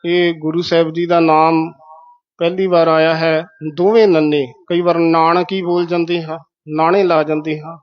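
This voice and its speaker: Male recitation teacher, fairly high voice, repeats words slowly, muffled lo-fi sound. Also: flat delivery. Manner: methodical, repeats words syllable by syllable. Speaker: Gurbani pronunciation teacher. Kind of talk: explaining correct recitation of scripture.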